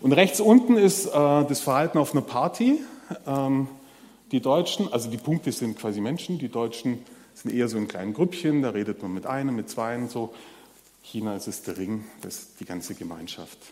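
A man giving a sermon in a conversational way, speaking straight to the congregation and pausing often on fillers. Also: medium pitch, animated, a little mellow, in a large hall. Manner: conversational, addresses the audience directly with many fillers. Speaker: preacher.

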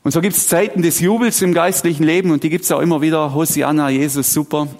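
A man, preaching a sermon with animated, dramatic storytelling and sudden drops to a quiet voice. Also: on the high side, quick pace. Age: 40s. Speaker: pastor.

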